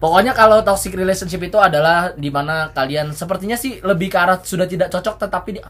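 A man's voice: sits high, quick pace, fairly bright tone. A man hosting a casual podcast chat, steering the topic and laughing often. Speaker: podcast host. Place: air-conditioned room.

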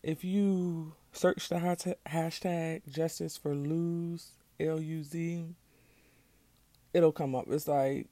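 A young woman talks through her solo podcast in an easy, conversational way, still carrying a groggy morning voice. Her tone is low and mellow with a gravelly edge, and her pace is slow and unhurried. The recording is dry and close. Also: no echo. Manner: chatty, loose and conversational. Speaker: podcast host. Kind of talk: casual solo podcast talk.

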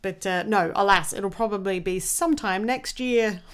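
An Australian woman, a comedian, chatting casually as a podcast guest, talkative and animated in her storytelling. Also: medium pitch, moderate pace, clear, resonant tone. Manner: chatty, with lively acted-out quotes.

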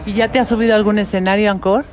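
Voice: medium pitch, little pitch movement, rapid-fire. A street interviewer asking questions in a friendly, encouraging manner outdoors in a tunnel. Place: tunnel in a city park, outdoors.

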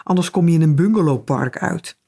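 A woman's voice: low voice, brisk, creaky, mellow, slightly rough, exaggerated voice. A woman reading an audiobook, voicing a bossy, scheming middle-aged woman who is full of plans and sweeps everyone along in an emphatic, commanding way. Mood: insistent. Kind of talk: audiobook character voice.

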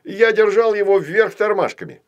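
A man voicing an excitable, boastful little boy doll in a children's audiobook, loud and eager. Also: medium pitch, moderate pace, close to an everyday voice. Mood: excited.

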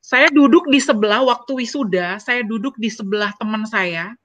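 A woman's voice: a little high, moderate pace, dry recording. A woman in her forties, a university lecturer, telling personal stories in an interview. She speaks with emotion and keeps turning to address the host. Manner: emotional, animated storytelling that often turns to address the host. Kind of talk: personal storytelling in a conversational interview.

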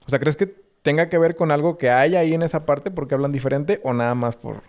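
A young man with a smooth, clear voice who keeps asking questions in a slangy podcast chat. He trips over his words as he works toward his point. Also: fairly high pitch, fast talker. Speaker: podcast co-host. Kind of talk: casual chat.

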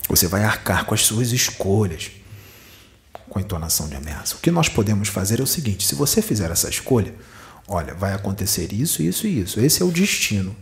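A man's voice: on the low side, big pitch swings, quick pace, gravelly, a little hiss or hum. A man from Brazil with a Rio de Janeiro accent giving a channeled spiritual teaching, preaching emphatically with many rhetorical questions. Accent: Rio de Janeiro Portuguese. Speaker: spiritual medium.

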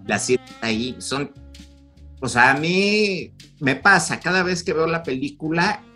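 A man's voice: a little high, animated, a little slow, sharp tone, faint music behind. A man with a Mexican Spanish accent co-hosting a podcast, chatting casually about a film in a rambling way, full of fillers and restarts. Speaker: podcast co-host.

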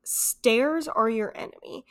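A woman's voice: a little high, slow pace. A young woman co-hosting a podcast, telling stories in a teasing way and easily breaking into laughter. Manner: teasing storyteller, prone to laughing fits. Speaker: podcast co-host. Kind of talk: casual chat.

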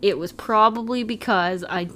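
A young woman co-hosting a podcast with her husband, chatting casually, full of "like" and quick laughs. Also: mid-range voice, a bit bright, slight background noise. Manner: chatty, giggly, lots of "like". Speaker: podcast co-host. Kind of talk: casual chat.

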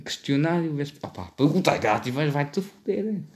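A man's voice: a little high, lively intonation, normal speed, a little mellow. A young man with a European Portuguese accent in casual banter with friends, reading out party questions and swearing in slang. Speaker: podcast co-host reading out game questions.

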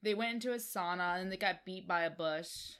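A woman's voice: lowish voice, a little fast, fairly bright tone, clear, resonant tone. A young woman co-hosting a casual recap chat, blunt and chatty with lots of fillers. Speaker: podcast co-host.

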